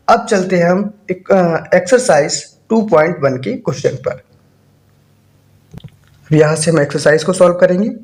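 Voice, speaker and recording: A man's voice: high voice, a little mellow. A man teaching a maths lesson in Hindi-accented speech, often asking the class a question and then answering it himself. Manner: asks rhetorical questions and answers them himself.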